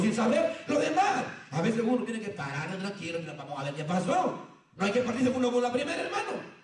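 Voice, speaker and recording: A male pastor preaching a sermon, jumping between shouted lines and low murmurs and repeating phrases. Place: church. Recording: echoey church from far off.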